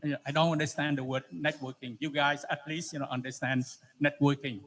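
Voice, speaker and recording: This alumni speaker is a technology entrepreneur from Vietnam, a man in his seventies with a Vietnamese accent. His fairly high, fairly bright voice has a flat delivery as he haltingly introduces himself and advises the audience, pausing a lot and saying "you know." Background noise from the live event room is audible.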